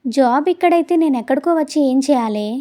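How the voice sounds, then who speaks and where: A woman reading an audio story and voicing an irritable young man who scolds in a gruff way. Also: high-pitched, lively intonation, brisk, warm tone. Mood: annoyed. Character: irritable young man, stern yet softening.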